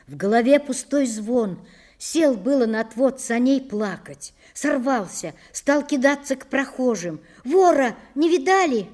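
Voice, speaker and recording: A woman narrating a historical audiobook with expressive storytelling. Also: medium pitch.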